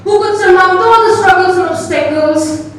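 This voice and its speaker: A woman's voice: extremely high pitch, normal speed, fairly bright tone. A teenage woman with an Indian accent delivers a rehearsed declamation with precise, emphatic, theatrical elocution. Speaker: declamation contest participant. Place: large echoing hall. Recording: echoey hall, distant mic, faint noise.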